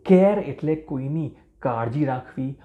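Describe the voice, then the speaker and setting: A man teaching English pronunciation to beginners, spelling out words letter by letter and repeating each one slowly and clearly. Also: medium pitch, lively intonation, dark tone. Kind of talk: language lesson for beginners. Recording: roomy echo.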